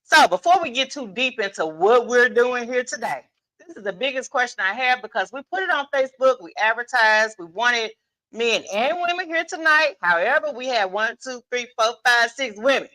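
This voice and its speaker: Despite poor audio, a woman's high-side, expressive voice sounds bright and forceful at a moderate pace. She hosts and moderates a live podcast panel as a guest, keeping things lively and unscripted with casual banter. Playful but commanding, she repeats phrases for emphasis.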